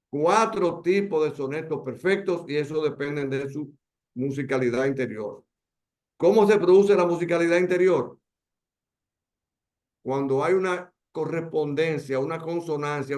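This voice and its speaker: A man with a Dominican Spanish accent teaching an online poetry workshop over a video call, emphatic, repeating key words and slowing down to stress them. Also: a little high.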